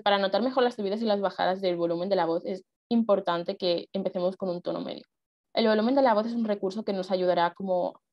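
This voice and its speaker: A woman leads a public-speaking workshop in a relaxed, conversational way. She fills her explanations with small pauses and rhetorical questions. The sound is dry and a bit dull. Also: medium pitch, no echo. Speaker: speech workshop instructor and speech judge.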